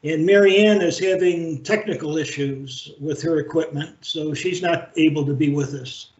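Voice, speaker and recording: A man chairing a library board meeting over a video call, speaking in a halting, measured way with frequent fillers. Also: on the high side. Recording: roomy, dull video-call audio.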